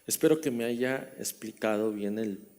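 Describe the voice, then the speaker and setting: A man's voice: fairly low pitch, unhurried, a little mellow. A man with a Mexican Spanish accent preaching a sermon as pastor, telling a story and asking the congregation questions. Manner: storytelling, repeats phrases, asks the congregation questions. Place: church hall.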